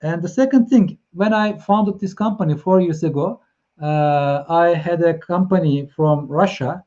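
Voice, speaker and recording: A Turkish man hosts an English-language live stream with a Turkish accent, encouraging his viewers while hesitating, using lots of fillers and restarts. His voice is a little high, unhurried, and warm, though the audio sounds dull.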